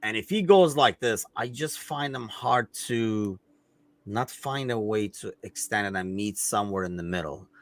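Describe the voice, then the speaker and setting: A man hosts a live football podcast in a casual, rambling style, with many fillers and frequent laughter. His voice is on the low side, at normal speed and without echo.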